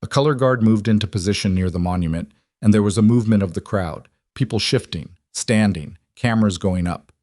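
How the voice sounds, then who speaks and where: A man narrating a dramatic story in a measured, scripted reading. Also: lowish voice, a little mellow, dry recording, clean studio sound.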